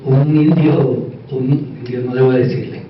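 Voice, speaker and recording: A man's voice: mid-range voice, fairly even intonation, measured pace. Echoey, distant Puerto Rican man lecturing informally. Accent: Puerto Rican Spanish. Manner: conversational, repeats words for emphasis, seeks agreement. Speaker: conference speaker. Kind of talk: informal conference lecture with asides. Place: echoey indoor conference room. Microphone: distant microphone. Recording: echoey room, distant dull mic, faint noise.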